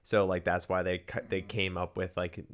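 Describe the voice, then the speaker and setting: A man's voice: low-pitched, flat delivery, moderate pace. A young man co-hosting a movie podcast, rambling casually and acting out lines from scenes. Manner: rambling, many likes, acts out quotes loudly. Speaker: podcast co-host. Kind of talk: casual movie review chat.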